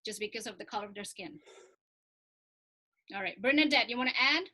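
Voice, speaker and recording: A woman's voice: medium pitch, a little fast, pushed and bright. A woman hosting a group discussion over a video call, upbeat and prompting others to join in. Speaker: forum host.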